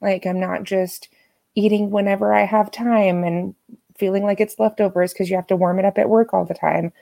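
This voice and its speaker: Woman with a warm, gravelly voice. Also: mid-range voice, fairly even intonation. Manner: laid-back, quick to laugh. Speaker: correctional facility admin worker. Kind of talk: casual podcast chat.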